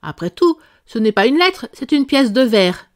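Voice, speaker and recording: Woman voices nervous male rabbit herald, high, respectful, hurried, storybook. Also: very animated. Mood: officious.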